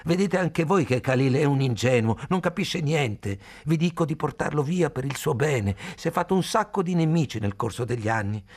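A man reading aloud, voicing a brusque mechanic who speaks forcefully and scornfully in a raised voice. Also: on the high side, animated, normal speed, few pauses, pitched above the performer's own voice. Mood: insistent.

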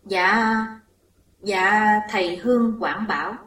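A woman's voice: mid-range voice, expressive, slow pace, a bit bright. Woman putting on a stammering frightened servant. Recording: roomy echo, distant mic.

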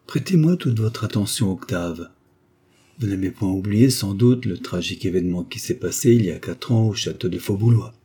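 A man's voice: fairly low pitch, expressive, moderate pace, dark tone, slightly rough. A man reading a grave, earnest viscount. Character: calm, earnest male viscount, loyal friend.

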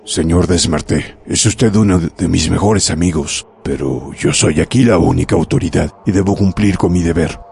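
A man's voice: low voice, moderate pace, creaky, few pauses, darkish tone. A man voicing a stern older commander, firm and authoritative, in a horror audiobook.

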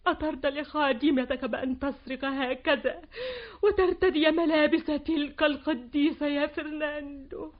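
Older mother-in-law for a vintage radio play: high-voiced, domineering and accusing, performed by an actress, on a dull, lo-fi recording. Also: fairly even intonation, moderate pace, few pauses, natural voice. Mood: indignant. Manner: indignant, accusing, commanding. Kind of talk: 1960s-era Arabic radio drama acting.

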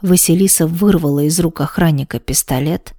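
Woman, audiobook narrator, calm storytelling, mellow lowish voice, dry close sound. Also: moderate pace, no room sound.

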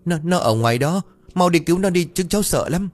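A man's voice: a little high, expressive, fairly quick, voice pushed up. A man voicing terrified village boys who shriek and stammer for help in an audio ghost story. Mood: panicked.

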